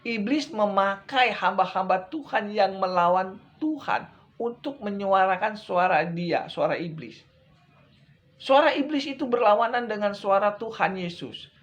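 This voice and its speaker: A male evangelist preaching a sermon, repeating his points and swinging from loud, urgent lines to hushed ones, speaking straight to his listeners. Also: sits high, animated, measured pace. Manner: addresses listeners directly as brethren.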